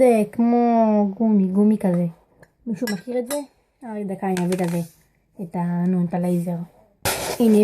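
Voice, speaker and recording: Excitable teen girl vlogging in her bedroom, warm voice, lots of uh and restarts. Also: mid-range voice, a little hiss or hum. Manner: chatty, searches for words, excitable. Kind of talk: casual home video chat. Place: home bedroom.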